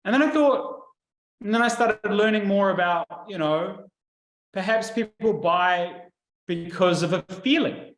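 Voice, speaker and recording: A man, a marketing coach telling stories to camera in a lively, casual way. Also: high-pitched, unhurried. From New Zealand. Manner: lively storytelling, animated asides. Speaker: marketing coach and video host. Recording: roomy echo.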